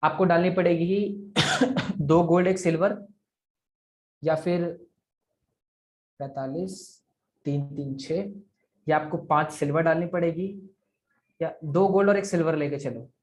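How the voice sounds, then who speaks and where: A man's voice: on the high side, unhurried, long pauses, a little mellow. Male sales mentor, live online class, coaching tone, works through sums aloud over a video call. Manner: coaching, repeats figures aloud, asks "ठीक है?". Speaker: affiliate marketing sales trainer. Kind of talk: live online training session.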